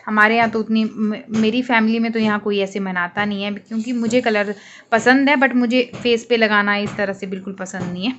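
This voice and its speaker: A woman's voice: on the high side, steady tone, brisk, fairly bright tone, highs cut off, slight background noise. A young woman from Himachal with a Himachali Hindi accent, chatting casually at home in a vlog and mixing in English phrases. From Himachal Pradesh, India. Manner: chatty, mixes English phrases, talks to her baby. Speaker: vlogger, young mother. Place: home, indoors.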